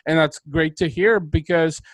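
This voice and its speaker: In this podcast interview, the Bulgarian host sounds eager and motivating, his fairly high voice moving at a normal speed. There's no room sound, though the recording itself is rough.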